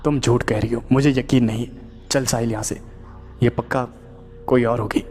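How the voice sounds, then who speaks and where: A man voicing an agitated, quick-tempered young village man in a horror audio story, rising in pitch when upset. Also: steady tone, dark tone, natural voice. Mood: suspicious.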